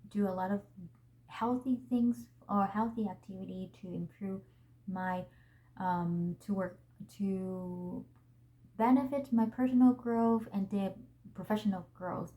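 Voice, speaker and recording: A young woman with a Vietnamese accent, whose first language is Vietnamese, hosting a vlog and talking to the camera in a gentle, earnest and reflective way. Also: mid-range voice, steady tone, a little slow, poor audio. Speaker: vlog host.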